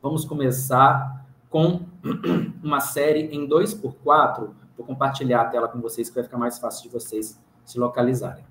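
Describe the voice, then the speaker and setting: A man's voice: mid-range voice, fairly even intonation, normal speed, fairly bright tone. Brazilian man teaching rhythm, roomy echo. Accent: Brazilian Portuguese. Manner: patient, counts and sings rhythm syllables aloud. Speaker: music teacher. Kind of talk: online music theory class. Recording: roomy echo, faint hiss.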